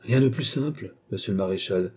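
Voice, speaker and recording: A man doing a calm, mysterious sorcerer. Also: fairly low pitch, fairly quick, slightly rough. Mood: knowing. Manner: composed, knowing prophecies.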